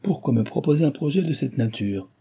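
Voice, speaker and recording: A man's voice: medium pitch, lively intonation, brisk, mellow, husky, pitched above the performer's own voice. A man voicing a proud young woman who answers with firm indignation and reproach. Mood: reproachful.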